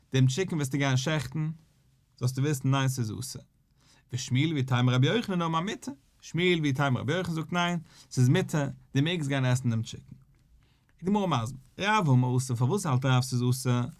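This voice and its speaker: A man with a Yiddish accent teaches a daily Talmud class. His voice sits a little high, and it jumps up when he plays out the back-and-forth of the sages. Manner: animated, acts out questions and answers between sages.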